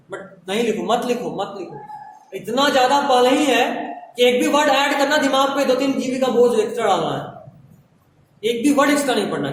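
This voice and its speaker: A man's voice: very high-pitched, distant mic. This is a man, teaching a chemistry class in a chatty, joking way and putting questions to his students. His voice rings around a very echoey classroom, picked up by a mic placed well away from him. A faint hiss of noise sits underneath.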